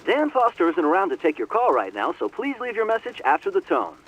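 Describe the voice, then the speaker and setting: A man's voice: high voice, wildly swooping pitch, brisk. An actor voicing a man's recorded answering-machine greeting, played back over a phone line in a rehearsed tone. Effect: answering-machine message over the phone. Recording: muffled, noisy phone line.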